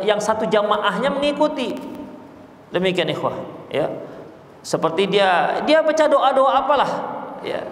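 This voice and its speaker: Lively male preacher, Medan accent, high and very expressive voice, echoey hall with long reverb. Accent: Medan Indonesian. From Indonesia. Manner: animated, acts out loud prayers mockingly. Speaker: Islamic preacher. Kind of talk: sermon lesson.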